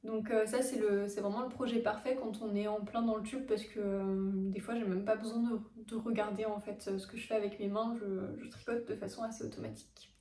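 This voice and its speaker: A woman's voice: mid-range voice, level tone, fairly quick, hardly any pauses, warm tone, distant mic, slight background noise. A woman hosting a knitting vlog, chatting casually with many fillers and restarts. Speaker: knitting podcast host. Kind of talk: casual show-and-tell vlog. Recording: echoey room, mic set back.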